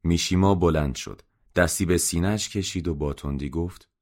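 A man reading a story aloud in a measured, subdued narration. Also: sits low, darkish tone. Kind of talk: scripted audiobook narration.

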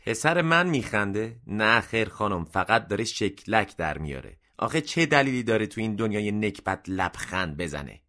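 A man's voice: low voice, very animated, hardly any pauses, fairly bright tone, full character voice. A man voicing a scornful, gloomy middle-aged woman shopkeeper in a story.

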